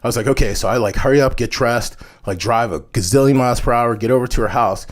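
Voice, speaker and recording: A man's voice: mid-range voice, fast. A man hosting a vlog, telling candid personal stories in a frank, profane way with lots of "like". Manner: frank, profane, heavy use of "like". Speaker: vlog host. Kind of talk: candid storytelling monologue.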